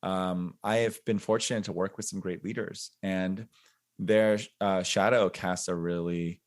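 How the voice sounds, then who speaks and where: Man, 40s, low-pitched voice, podcast guest, reflective casual talk, lots of fillers, self-deprecating laughs. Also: steady tone, a little slow. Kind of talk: casual interview conversation.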